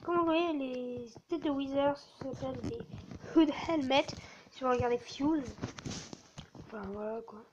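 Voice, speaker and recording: A woman with a high, slightly slow voice casually shows viewers around a game server, hesitating often and using plenty of fillers. Her dull lo-fi mic carries a faint hiss.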